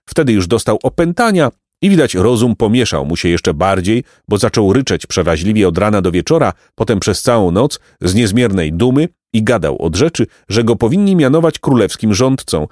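A man voicing a loud, boastful innkeeper who hawks sausages, in a raised, pitched-up voice. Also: dry recording, clean studio sound. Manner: raised, hawking voice.

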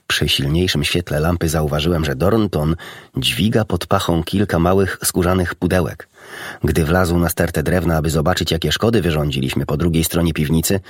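Man, audiobook narrator, very low voice, husky, dry close sound. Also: dry recording. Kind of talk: scripted storybook narration.

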